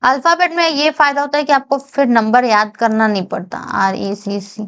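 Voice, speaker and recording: A woman's voice: fairly high pitch, fairly even intonation, moderate pace, a bit bright, clear, resonant tone. A young adult woman teaching an exam-prep reasoning lesson. She counts aloud step by step and checks whether her students understand.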